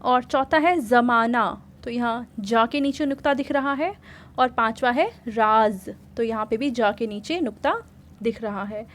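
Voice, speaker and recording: A woman's voice: fairly high pitch, unhurried. A woman teaching a worksheet lesson to children, explaining step by step and often checking in with questions. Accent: Hindi.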